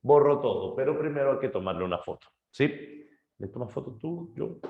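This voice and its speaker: A man's voice: mid-range voice, moderate pace. A man tutoring literature for an entrance exam, retelling a short story and acting out its characters' lines before he moves on to the next topic. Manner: animated storytelling, acting out quotes. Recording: muffled roomy lo-fi audio.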